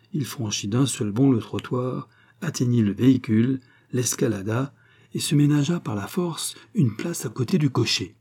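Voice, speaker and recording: Male narrator, husky, mellow, expressive reading. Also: mid-range voice. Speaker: audiobook reader. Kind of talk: scripted narration of a novel.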